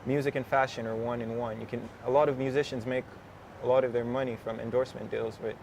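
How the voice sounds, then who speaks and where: A man's voice: medium pitch, level tone, quick pace, a little mellow, slight background noise. A man in his twenties, a rapper, chatting casually and slangily in an interview outdoors, often laughing and drifting off topic. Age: 20s.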